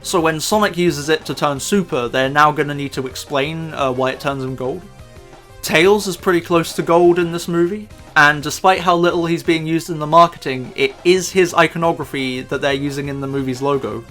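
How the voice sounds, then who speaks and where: A man's voice: fairly high pitch, normal speed, fairly bright tone, faint music behind. A man ranting about a film in sarcastic, profane, exasperated commentary. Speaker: YouTube commentator.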